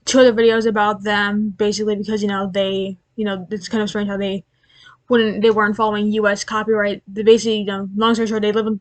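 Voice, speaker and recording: A woman's voice: mid-range voice, no echo, low-quality recording. A woman ranting casually to her viewers as a YouTuber, rambling with many fillers and restarts. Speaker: YouTuber ranting about channels. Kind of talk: casual unscripted rant.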